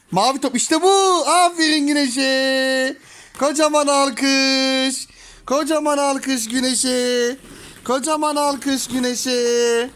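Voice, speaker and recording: High sing-song mother coaxing a toddler. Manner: repetitive, sing-song, gently scolding. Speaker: mother filming her toddler daughter. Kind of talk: playful coaxing talk to a small child.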